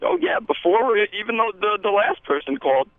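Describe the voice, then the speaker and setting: A man voicing an excitable, defensive male puppet who calls in over the phone and rambles, quick to get riled up. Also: high voice, dry recording. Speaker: caller. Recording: tinny phone line.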